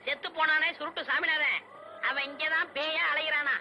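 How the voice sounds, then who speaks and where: A man's voice: extremely high pitch, steady tone, moderate pace, muffled recording, a little hiss or hum. An actor playing a timid comic young man who chatters and sings to chase off his fear. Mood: chatty. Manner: comic, nervous, sing-song. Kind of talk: 1980s film comedy acting.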